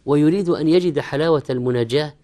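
A man's voice: a little high, fast talker, warm tone. A man giving a religious lecture as an Islamic preacher in formal standard Arabic, teaching with emphasis on key words.

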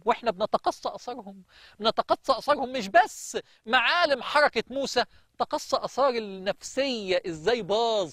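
A man's voice: high voice, fairly bright tone. A man with an Egyptian Arabic accent preaching a sermon, telling stories with feeling and rising to fervent pleading.

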